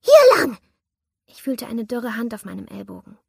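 A woman reads a first-person audiobook with tense, suspenseful delivery. Her voice is gravelly and husky, recorded close and dry. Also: a little high, steady tone, fairly quick, darkish tone, dry recording. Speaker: audiobook narrator.

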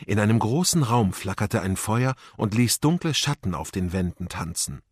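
A man narrating a children's audiobook in an expressive storytelling manner. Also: lowish voice, moderate pace, husky, no echo, studio quality.

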